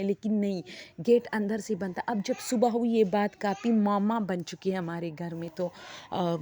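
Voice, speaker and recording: A woman casually retelling a ghost story, talking to listeners as friends and dropping to a hushed voice in the eerie parts. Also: mid-range voice. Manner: conversational, many fillers, addresses listeners as friends.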